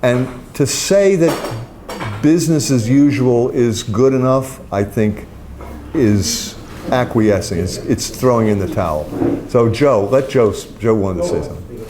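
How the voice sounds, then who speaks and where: A man's voice: mid-range voice, measured pace, background noise. A man arguing his views emphatically while leading a casual dinner discussion. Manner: emphatic, animated opinionated talk. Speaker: executive director of a humanist society. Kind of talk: casual chat at a dinner meeting. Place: dinner gathering indoors.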